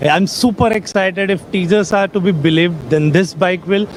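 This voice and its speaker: A man's voice: sits high, fairly even intonation, normal speed, rough recording. A man with an Indian accent answering as an attendee in a short vox-pop interview. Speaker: event attendee being interviewed. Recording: faint outdoor traffic noise.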